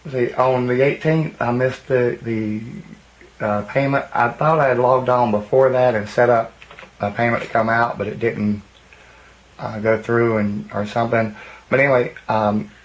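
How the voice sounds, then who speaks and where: A man calling a customer helpline, talking casually in a hesitant, halting way on the phone. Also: medium pitch, low-quality recording.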